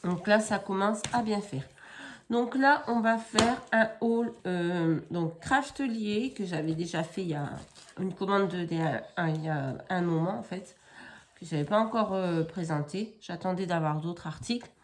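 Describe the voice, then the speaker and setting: Chatty, unhurried woman crafting vlogger. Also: on the low side. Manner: rambling, self-correcting, many fillers. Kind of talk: casual haul vlog.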